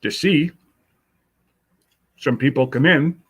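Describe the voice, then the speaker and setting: A congested middle-aged man hosting a livestream from home, chatting casually in a slow, rambling way with many fillers. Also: on the high side, fairly bright tone, husky. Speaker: livestream host.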